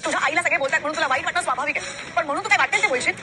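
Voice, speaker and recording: A woman's voice: high-pitched, rapid-fire, natural voice. An actress playing a young woman who scolds her relatives in a family quarrel, in a clip from a TV serial. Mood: stern. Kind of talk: TV serial dialogue. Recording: TV serial clip with loud music. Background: loud background music.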